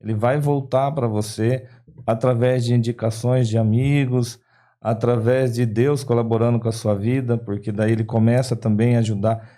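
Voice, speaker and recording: A man's voice: mid-range voice, fairly even intonation, normal speed, mellow. A man hosting a podcast, reflecting on purpose and giving advice to entrepreneurs. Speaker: podcast host. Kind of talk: podcast conversation.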